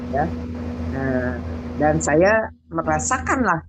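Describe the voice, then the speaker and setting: A woman's voice: sits low, sing-song, slow pace. A woman joining by remote call, speaking in an earnest, admiring way with hesitant fillers. Her call audio keeps breaking up and sounds choppy. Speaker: online call-in participant. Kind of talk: earnest faith talk. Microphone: remote call microphone. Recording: noisy, distant remote call line.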